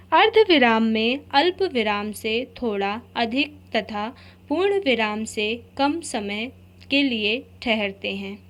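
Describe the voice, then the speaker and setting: Slow, careful woman teacher. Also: on the high side, a bit bright. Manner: slow, careful explaining with repeated examples. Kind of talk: grammar lesson.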